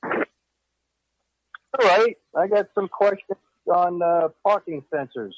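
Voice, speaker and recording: A man from New Jersey calling in to a radio show over the phone, asking about a car part in a halting way, with many pauses. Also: sits high, no room sound. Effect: radio show caller heard over the phone line. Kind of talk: casual question to hosts.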